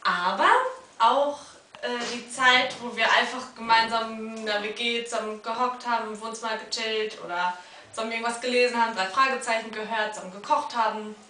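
A nineteen-year-old woman from Germany answers thoughtfully about her year, pausing with fillers. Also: a little high, steady tone, sharp tone, echoey room, recorded from a distance, a little hiss or hum. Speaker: volunteer housemate. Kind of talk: casual interview answers.

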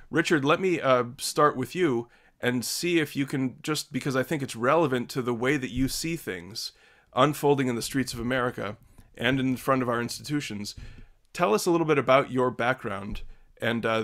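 Hosting a video call from his home study, a man in his thirties gives measured, earnest opening remarks. His voice sits in the mid-range and sounds a bit bright.

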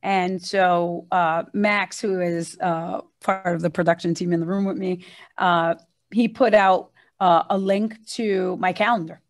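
A woman's voice: fairly low pitch, steady tone, a little slow. A woman executive fields the last questions of an online presentation, friendly and businesslike, her sentences dotted with small fillers. She speaks from a room shared with a production team. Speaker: agency executive presenting a webinar. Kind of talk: casual presentation Q&A.

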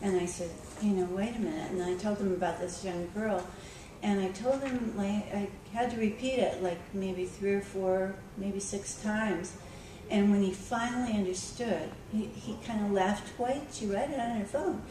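This woman, a school librarian, tells a story during a conversational conference talk and often says um or restarts her sentences. Her mid-range voice moves at a moderate pace with few pauses. The capture is far off in an echoing conference room, with noise behind her.

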